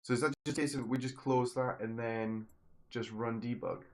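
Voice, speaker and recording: A man's voice: mid-range voice, fairly even intonation, moderate pace. A man live-streaming his coding session, thinking aloud in a self-deprecating way, his voice slightly worn, speaking into a desk microphone at his computer. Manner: self-deprecating, muttering to himself while working. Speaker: game developer streamer.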